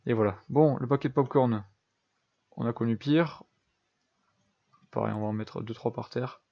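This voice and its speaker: A man's voice: medium pitch, moderate pace, gravelly, highs cut off. A young man giving casual, self-deprecating commentary over a building game, thinking aloud with lots of fillers. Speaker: gaming YouTuber.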